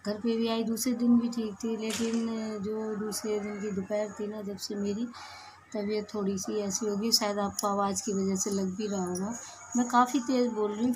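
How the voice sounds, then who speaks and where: A woman's voice: mid-range voice, noisy background. A woman vlogger chatting casually to camera in a rambling, homely way while recovering from a cold.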